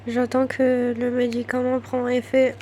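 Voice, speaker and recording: A woman's voice: a little high, monotone, a little slow, warm tone, slight background noise. A young woman vlogging casually, drained and in pain after wisdom teeth removal, with mumbled, pained speech. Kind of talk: casual personal vlog.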